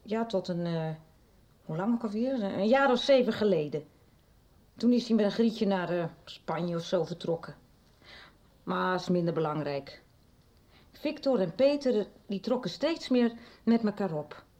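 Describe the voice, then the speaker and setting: In a 1990s radio drama, an actress plays a middle-aged woman chattily confiding her past, with little hesitations. Her mid-range voice is expressive, unhurried and mellow, and the mood is confiding.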